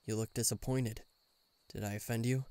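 In an intimate, lightly acted listener roleplay, a man plays a gruff, guarded government bodyguard who is secretly fond of the listener, teasing dryly and showing reluctant tenderness in a reserved mood. His medium-pitched voice is dark, smooth, and steady at normal speed, with a dry recording.

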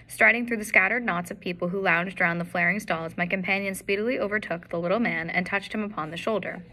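A woman's voice: fast talker, sharp tone, low-quality recording. A woman reading a classic detective story aloud as a narrator. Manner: reads all the characters herself, shifting pitch for each. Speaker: audiobook narrator.

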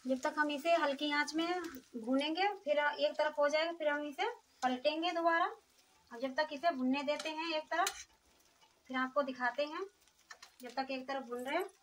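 In a small village kitchen, a woman vlogger explains her cooking step by step in a casual way, her high voice fairly bright and moderately paced. The recording is distant phone audio with sizzling noise.

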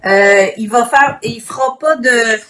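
A woman with a Quebec French accent and a husky morning voice, informally demonstrating an art technique and often clearing her throat. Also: a little high, measured pace, pushed and bright, a little hiss or hum. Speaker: craft instructor. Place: indoor craft worktable.

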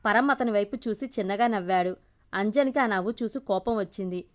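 A woman reading a family story aloud as a steady storyteller. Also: medium pitch, brisk. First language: Telugu.

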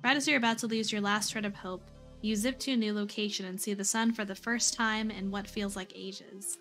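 A woman streamer calmly narrating a role-playing game out loud. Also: medium pitch, a little fast, faint music behind.

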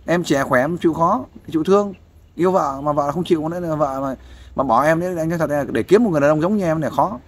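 With a voice on the high side and a fast delivery, a volunteer counselor interviews a guest. He dispenses fatherly, persuasive advice in a casual manner and regularly asks for agreement.

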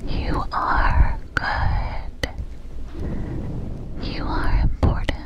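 A woman whispering soft, soothing ASMR affirmations close to the ear, ear to ear, with long pauses. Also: dull audio. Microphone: close ear-to-ear stereo microphone.

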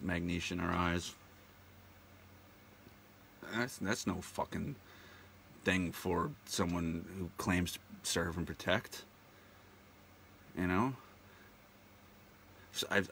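A man's voice: low-pitched, creaky, fairly bright tone, slight background noise. A man hosting his own show, delivering a profane, indignant and sarcastic ranting monologue that hammers its words through repetition. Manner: repeats words heavily for emphasis. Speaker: show host.

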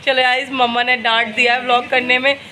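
A woman's voice: fairly high pitch, flat delivery, fairly quick, pushed and bright. A young woman chatting casually in a family vlog, affectionate and often laughing. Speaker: vlogger.

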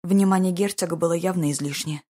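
A woman narrating an audiobook in a slow, even, measured reading style. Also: on the low side. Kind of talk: scripted narration of a romance novel.

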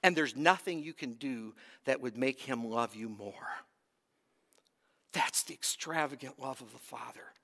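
A man's voice: medium pitch, unhurried, pushed and bright. A man preaching a sermon as pastor, earnest and emphatic, swelling in intensity and then dropping almost to a whisper. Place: church sanctuary. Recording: long hall reverb.

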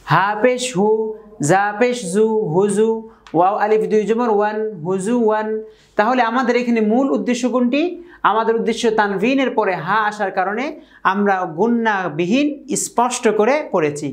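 A woman teaching Quran reading at a whiteboard. She spells out syllables slowly, repeats each example, and often checks in with her viewers. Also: medium pitch. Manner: checks in with listeners by asking "okay?"; addresses viewers formally. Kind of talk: whiteboard lesson.

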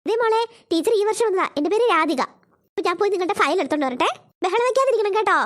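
Strict new cartoon teacher, very high and fast, scolding and lecturing. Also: female voice, lively intonation, a little hiss or hum. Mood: instructive. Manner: firm and scolding, lecturing the class.

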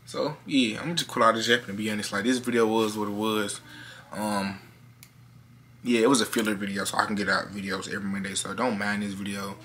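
A man's voice: fairly low pitch, steady tone, brisk, fairly bright tone. Young guy doing a casual room vlog, slangy, repeats himself, noisy sound. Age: young adult. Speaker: vlogger. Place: small bedroom at home. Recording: clearly noisy background.

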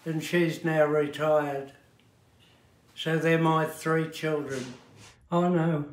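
A man in his nineties with an Australian accent, reminiscing slowly about his life in an interview, often stopping to correct himself. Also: fairly high pitch, echoey room. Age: 90s. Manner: measured, halting, frequent self-corrections. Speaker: retired teacher and author interviewed. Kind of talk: slow reflective reminiscing. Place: living room of an aged-care home, seated in armchair.

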